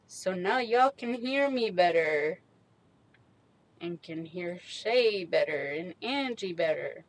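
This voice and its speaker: A young woman chats to her audience from the driver's seat of a small parked car, speaking close into a microphone. She rambles in a slangy, self-mocking way and takes her time, drawing her words out at an unhurried pace. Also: lowish voice, lively intonation, low-quality recording. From Mexican heritage. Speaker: vlogger. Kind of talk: casual chat. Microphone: handheld USB microphone.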